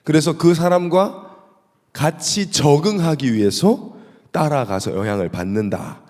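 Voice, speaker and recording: A male pastor with a Gyeongsang accent, giving a lively, humorous sermon and asking the congregation questions. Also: fairly high pitch, a little slow. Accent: Gyeongsang Korean. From South Korea. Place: church sanctuary. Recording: echoey church hall.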